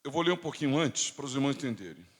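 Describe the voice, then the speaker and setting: A Brazilian man with a Rio de Janeiro accent preaching a sermon, swinging between loud and hushed emphasis. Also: medium pitch, very animated, racing. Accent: Rio de Janeiro Portuguese. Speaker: pastor. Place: church. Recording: hall reverb.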